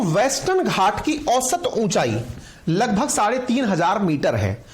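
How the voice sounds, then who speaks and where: A man teaching a lecture to online viewers. He talks in a lively way and keeps asking his listeners questions. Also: high-pitched. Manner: lively, asks viewers questions, calls them companions. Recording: roomy echo.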